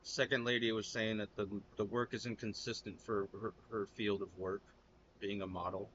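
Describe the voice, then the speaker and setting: American man, fairly low voice, casual reaction host, blunt and loose, slightly dull lo-fi sound. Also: little pitch movement, moderate pace, a bit bright, a little hiss or hum. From United States. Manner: loose and blunt, calls viewers "man" and "dude".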